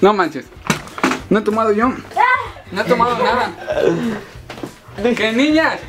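A young man in his late teens hosting a casual challenge vlog, excitable, his mouth burning from hot pepper. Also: high voice, a little slow. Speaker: host of challenge video. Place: small bedroom, camera across the room. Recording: off-mic room sound, music behind.

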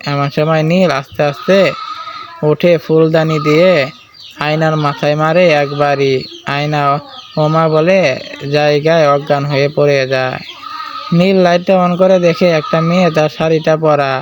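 Fairly high-voiced male storyteller. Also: fairly even intonation, measured pace, background noise. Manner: plain reading, speaks the speaker tags before quotes. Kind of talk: reading a romantic story aloud.

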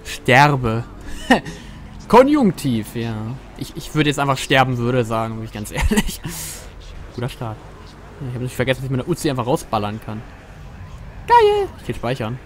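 A man's voice: medium pitch, big pitch swings, brisk, slight background noise. A man with a German accent giving casual, joking commentary while streaming a game, chatting with viewers and swearing freely. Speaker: gaming streamer. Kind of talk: casual let's-play commentary.

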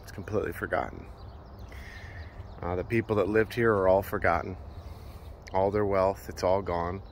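A man's voice: sits low, steady tone, moderate pace, slight background noise. A man in his thirties filming himself on a phone at outdoor ruins, preaching earnestly with many filler words. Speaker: preacher vlogger. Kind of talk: outdoor walking vlog with preaching. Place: outdoor ancient ruins, open hillside. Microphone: phone held at arm's length.

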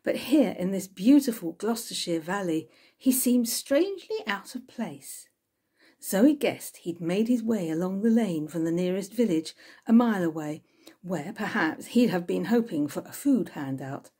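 An older woman reads aloud from her own novel in a husky, somewhat mellow storyteller's voice, expressive and at normal speed with medium pitch. It's scripted narration in audiobook style. She's indoors in a small home room lined with bookshelves.

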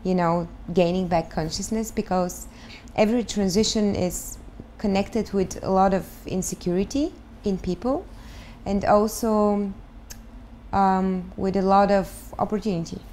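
A woman in her thirties speaks English with a Bulgarian accent, her voice sitting in a middle register. She answers interview questions thoughtfully, often pausing with fillers as she searches for words. A faint hiss sits under the living-room recording. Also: mid-range voice, fairly even intonation, mellow. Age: 30s. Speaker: guest, start-up founder.

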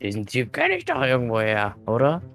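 A man voicing an angry, hot-tempered neighbor father in a gravelly, very deep voice. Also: huge pitch swings, brisk, a bit bright, faint music behind, full character voice. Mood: suspicious. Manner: barking, menacing. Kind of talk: amateur game short-film acting.

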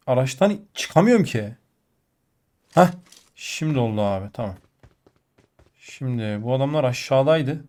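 A sick man with a blocked nose and a muffled, nasal voice, giving excitable gameplay commentary that jumps between muttering and outbursts. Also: mid-range voice. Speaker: mobile game player.

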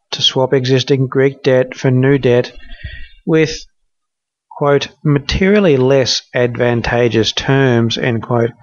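A man reads financial news at an unhurried, deliberate pace, his voice at an ordinary middle pitch. The recording is dry and a little dull, like a lo-fi voice-over. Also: dry recording. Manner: measured, reads quotes aloud with "quote" and "end quote". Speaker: podcast news reader.

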